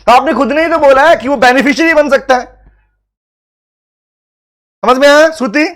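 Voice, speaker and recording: High-voiced lively law teacher. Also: male voice, moderate pace. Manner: lively, teasing, calls on students by name; repeats phrases for emphasis. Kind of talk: live online class.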